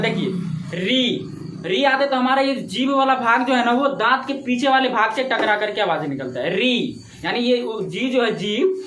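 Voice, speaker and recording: Echoey male teacher quizzing himself. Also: extremely high pitch. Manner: asks questions and answers them himself, repetitive. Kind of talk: classroom-style Hindi grammar lesson. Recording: echoey room with faint ambient noise.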